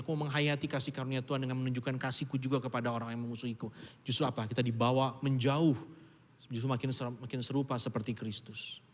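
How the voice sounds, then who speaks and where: A man preaching a casual, conversational sermon to his congregation, slipping into high squeaky voices to act out quoted dialogue. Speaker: pastor. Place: church auditorium. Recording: long hall reverb.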